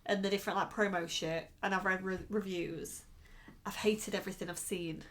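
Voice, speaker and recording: A woman's voice: mid-range voice, steady tone, moderate pace. A woman co-hosting a podcast in casual chat, blunt and a little sweary. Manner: blunt, sweary, laughs easily. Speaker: podcast co-host.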